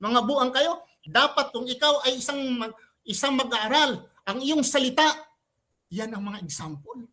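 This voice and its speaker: A man argues in a religious debate, and his delivery is forceful and emphatic. He keeps challenging the other side with rhetorical questions and switches languages freely as he talks. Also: very high-pitched, lively intonation, moderate pace. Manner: switches between Tagalog and English mid-sentence. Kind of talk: live religious debate argument.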